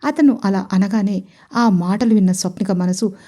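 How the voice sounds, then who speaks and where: A woman reads her own written romance story aloud in a calm, steady narration. Her voice is mellow and warm, with a middle pitch. It is a spoken audio story. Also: moderate pace. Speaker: writer and narrator.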